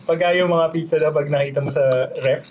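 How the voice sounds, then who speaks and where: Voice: medium pitch, fairly even intonation, fast, darkish tone, a little hiss or hum. A co-host in a casual chat who keeps the talk going with questions, speaking. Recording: music playing underneath.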